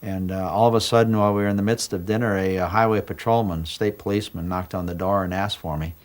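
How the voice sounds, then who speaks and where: An older man recalling the past in a documentary interview, plain-spoken with halting restarts. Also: sits low, steady tone. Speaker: interviewee, former astronaut.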